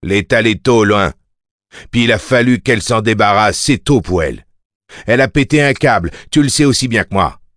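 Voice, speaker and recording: A man voicing a coarse, unsympathetic woman with rough slang in an audiobook. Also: on the low side, fairly bright tone, no echo, clean studio sound, voice pushed up, lightly acted. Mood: callous. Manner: blunt, slangy, fast.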